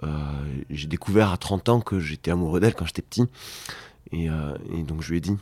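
Man, thirties, southwestern French accent, very deep voice, hesitant, dry close sound. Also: brisk, no room sound. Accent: southwestern French, picked up in childhood. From Brittany, France. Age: 30s. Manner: hesitant, many fillers and restarts, soft-spoken. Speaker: podcast guest. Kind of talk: candid conversational interview.

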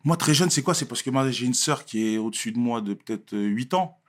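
A young man from Marseille with a Marseille accent, chatting casually in an interview, full of street slang and quick laughs. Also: medium pitch, animated. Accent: Marseille French. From Marseille, France. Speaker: interviewee, rapper.

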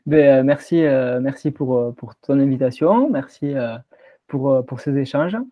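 A man's voice: mid-range voice, normal speed, no room sound. A man interviewed as a guest, speaking hesitantly with many fillers. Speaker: guest runner. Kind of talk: casual interview chat. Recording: dry phone-like remote line.

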